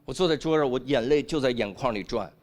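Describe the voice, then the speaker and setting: A man performing a stand-up comedy routine on stage, animated and acting out the voices he quotes. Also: medium pitch, fast talker. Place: comedy stage before a live audience.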